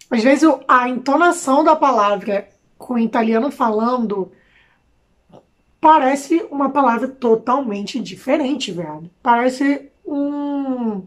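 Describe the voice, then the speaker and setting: A young woman from Brazil, speaking with a Brazilian Portuguese accent, vlogging in a chatty, expressive way with slangy asides. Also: sits high. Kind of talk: casual chat to camera.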